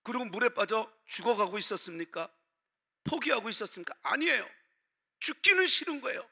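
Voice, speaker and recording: A man's voice: high-pitched, sing-song, brisk, creaky, bright, forceful tone, slightly rough. A man preaching a sermon as pastor in a church, emphatic, asking his congregation questions.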